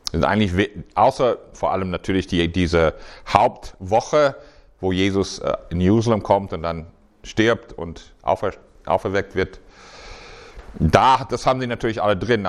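A man preaching a sermon in a conversational, halting way with frequent restarts. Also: fairly low pitch.

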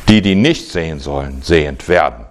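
A man reading the words of Jesus slowly and deliberately. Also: extremely low pitch, lively intonation, slight background noise. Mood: solemn. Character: Jesus, calm authoritative male teacher.

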